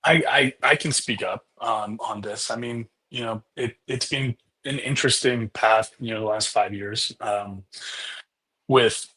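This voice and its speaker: A man's voice: fairly low pitch, unhurried, sharp tone, husky, poor audio. A man speaking as a guest on a panel, hesitant and often repeating words as he talks. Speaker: staffing director, panel guest. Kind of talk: casual panel discussion.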